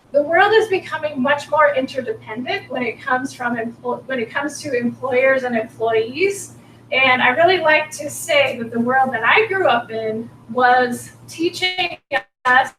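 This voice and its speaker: A woman's voice: high-pitched, fairly bright tone, slight background noise. A woman in her forties giving a workshop talk, earnest and encouraging, her voice a little strained. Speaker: workshop speaker. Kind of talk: workshop presentation. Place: meeting room. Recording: echoey room, mic at a distance.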